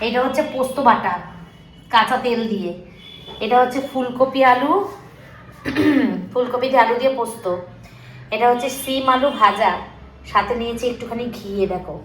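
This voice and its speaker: A woman's voice: fairly high pitch, normal speed, pauses often, slight background noise. A young woman, vlogging to her viewers in a casual, talkative way, with plenty of fillers. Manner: talkative, addresses viewers directly, many fillers. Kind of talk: casual chatty vlog to viewers.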